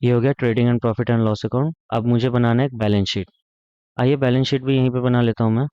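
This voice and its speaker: A man's voice: mid-range voice, fairly even intonation, moderate pace, dark tone, clean tone, no echo. A man teaching an accounting lesson, playfully bantering with his students. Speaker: commerce teacher. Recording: dull, dry lo-fi sound.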